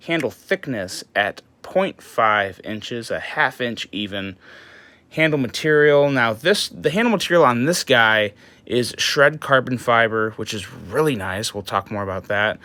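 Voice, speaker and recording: A man's voice: medium pitch, a little slow, sharp tone. A man giving a casual, enthusiastic knife review, rambling with fillers and restarts, his early-morning voice tripping over words.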